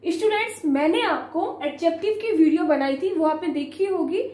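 A woman's voice: very high-pitched, darkish tone, echoey room. A woman teacher with an Indian accent explains a grammar lesson to young students. She asks questions and answers them herself, mixing Hindi and English. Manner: mixes Hindi and English, slowly reads rules aloud. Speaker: school teacher.

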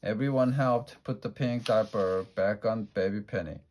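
A man narrating a children's storybook aloud with a low voice. His reading is plain and evenly paced, steady from one sentence to the next. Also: moderate pace. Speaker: storybook reader.

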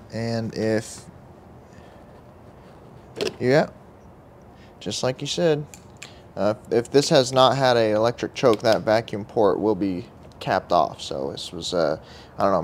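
A young man giving casual running commentary while fixing a carburetor at an outdoor workbench, in a relaxed way with muttered asides to himself. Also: lowish voice, slight background noise. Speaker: vlogger working on a carburetor. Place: outdoor workshop table beside a truck.

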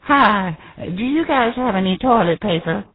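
A woman's voice: mid-range voice, lively intonation, a little slow, husky. A woman playing a lonely, pleading elderly widow in a prank call. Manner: pleading, needy. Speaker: prank caller. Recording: tinny phone line.

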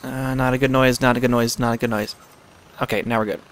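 A man's voice: medium pitch, a little hiss or hum. A man giving casual, chatty commentary over his own video game play, talking to himself. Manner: chatty, self-talking, quick bursts when excited. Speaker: gaming channel host.

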